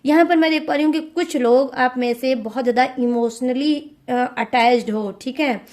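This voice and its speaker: A woman's voice: high-pitched, moderate pace, darkish tone. A young woman giving a tarot reading to her viewers, speaking in a repetitive, coaxing way and often checking in with "okay?". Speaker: tarot reader.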